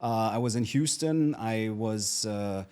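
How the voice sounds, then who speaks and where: A man's voice: fairly low pitch, slow, mellow, clear, resonant tone. A middle-aged man from Germany, a hotel marketing guest in a casual interview, talking with many fillers and restarts. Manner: chatty, frequent fillers and restarts.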